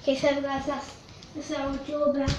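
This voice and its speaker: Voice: sits high, completely flat delivery, moderate pace. A child narrating pretend play to viewers in a distant, noisy, echoey recording.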